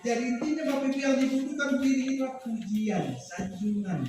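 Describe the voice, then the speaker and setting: A woman giving a seminar talk to parents, lively and often acting out what parents and children say. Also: high voice, brisk. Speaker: seminar speaker on personality test results. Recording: very echoey hall, far from mic, music behind. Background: background music.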